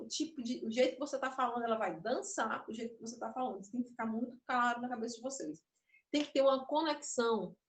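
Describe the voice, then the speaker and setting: A woman teaching a puppetry class online, explaining and demonstrating, a little nervous. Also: on the high side. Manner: explanatory, demonstrative, self-interrupting. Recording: echoey room, voice from afar.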